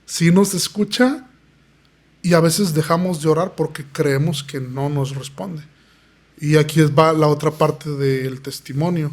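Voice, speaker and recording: A man's voice: a little high, unhurried. A man, a pastor telling his testimony in an earnest, preaching tone. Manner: earnest, preaching tone, acts out quoted voices. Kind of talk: podcast interview testimony.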